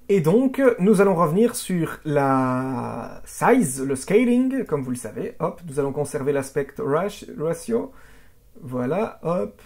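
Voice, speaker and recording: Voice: medium pitch, darkish tone. Chatty editing tutor full of fillers. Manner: chatty, with frequent "hop", "voilà" and "hein" fillers; asks rhetorical questions and answers them. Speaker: video editing instructor. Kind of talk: software screen tutorial.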